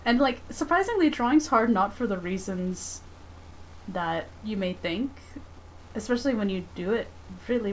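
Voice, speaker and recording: A woman in her thirties, a comic artist streamer, chats casually on a livestream from her drawing desk at home, rambling and making self-deprecating remarks. Her voice is medium-pitched, and the low-quality recording has slight background noise.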